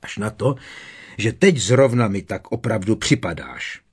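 A man's voice: fairly low pitch, very animated, husky, heavily acted. Man reading as an exasperated teenage boy wizard. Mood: angry. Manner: insistent, exasperated protests. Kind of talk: audiobook character reading.

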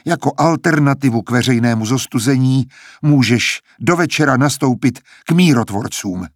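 A man voicing a stern, bitter older male academy dean in an audiobook, speaking in a cold, measured, mocking way. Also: mid-range voice, dry recording, studio quality, close to an everyday voice.

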